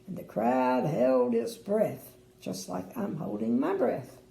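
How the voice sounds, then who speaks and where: An older woman, a sweet grandmotherly storyteller with a creaky voice, reads a bedtime story expressively and adds chatty asides. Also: mid-range voice, very animated, slow, warm tone. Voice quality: creaky, gravelly. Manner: sweet old lady, grandmotherly. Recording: roomy indoor echo.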